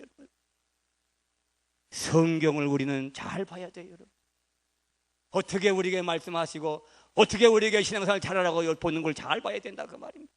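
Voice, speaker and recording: A man preaching a Sunday sermon as pastor, emphatic and repetitive, acting out the speech of biblical figures. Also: high-pitched. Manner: emphatic preaching, acts out the prophets' words in dialogue. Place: church service.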